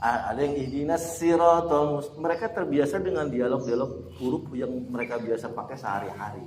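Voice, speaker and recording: A man's voice: medium pitch, a little fast, a little mellow, a little hiss or hum. A man teaching a Quran lesson in an informal classroom way, chatty and often laughing as he answers students. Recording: echoey room with faint ambience.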